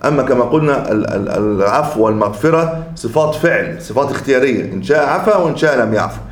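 A man's voice: medium pitch, expressive, fast talker. A male scholar teaching a classical creed text in a lecture, explaining terms one by one and often repeating or restarting words. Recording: echoey room.

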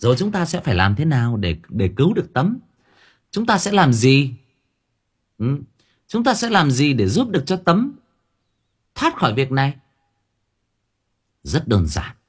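A man's voice: on the high side, big pitch swings, moderate pace, pauses often, husky. A man retelling a folk tale as a joke in a chatty livestream, with lots of fillers and asides to viewers. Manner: chatty, jokey, with many fillers. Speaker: livestream seller and storyteller. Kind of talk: casual comic story retelling to viewers.

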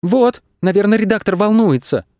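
A man's voice: expressive, normal speed, a little mellow, no room sound, studio quality. A man voicing jittery wooden carousel horses. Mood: worried. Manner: high, jumpy, easily frightened. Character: two anxious young wooden carousel horses.

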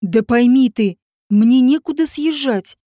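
A woman's voice: a little high, a little slow, no echo, clean studio sound, close to an everyday voice. A woman voicing an angry, defensive man. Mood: indignant. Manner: loud, indignant protests.

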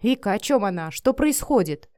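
A woman voicing a passionate young man who whispers and then flares into angry shouts. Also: medium pitch, sing-song, normal speed, dry recording, clean studio sound, lightly acted. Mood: enraged.

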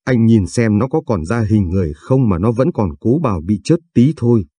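A man reads out a tough young woman with a filthy mouth, bossy and threatening as she barks at people. The voice sits low and husky, with a dark, mellow tone. The recording is dry and close. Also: expressive, a little fast, no room sound. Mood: scolding. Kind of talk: audiobook reading.

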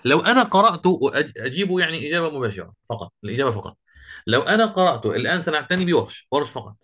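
Man, recitation teacher, lively rising and falling pitch, quizzes students, chants verses slowly. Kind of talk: classroom lesson with chanted verse quotes.

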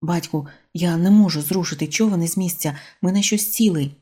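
A woman voicing a young fisherman's son who asks naive, questioning things, in a husky voice. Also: fairly low pitch, fairly quick, mellow. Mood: puzzled.

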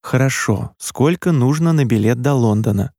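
A man's voice: mid-range voice, moderate pace, mellow, no echo, clean studio sound, natural voice. A man voicing an anxious eighteen-year-old son firing off urgent questions.

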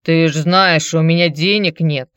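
Woman reading as a grumbly boozy guy, wheedling then pushy, slow and heavy. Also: low voice, fairly even intonation, a bit bright, clean tone, no room sound, muffled recording. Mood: grumbling. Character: grumbling hard-drinking man, broke laborer.

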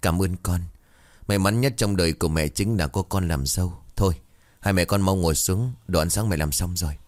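A man's voice: deep voice, brisk, darkish tone, dry recording, natural voice. A man voicing a kind elderly grandmother who speaks in a motherly, caring way. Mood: tender.

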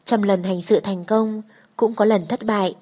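A woman's voice: mid-range voice, normal speed, breathy edge. Woman narrating a story steadily. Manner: even, steady storytelling, first-person. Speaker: audiobook narrator.

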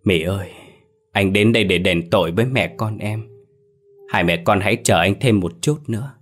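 A man's voice: on the low side, moderate pace, close to an everyday voice. A man voicing a desperate, guilt-ridden young husband who pleads and comes apart. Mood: fading whisper. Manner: pleading, breaking into frantic cries. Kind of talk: storytelling dialogue.

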